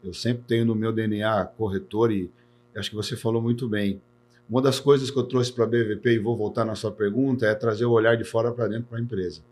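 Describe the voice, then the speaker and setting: He has a husky, mid-range voice: a man in his forties from Brazil, an insurance executive speaking earnestly in a podcast interview. Words get repeated, and "né" often caps his sentences.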